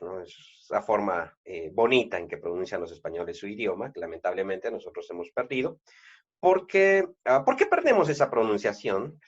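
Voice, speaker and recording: A lower-voiced man with a Guatemalan accent teaches a recorded lesson. His pitch rises and falls a lot as he works through each point, pausing on filler sounds and restarting phrases. The recording is dull and lo-fi. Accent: Guatemalan Spanish. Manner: explains slowly with frequent "eh" fillers and restarts. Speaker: Spanish grammar teacher.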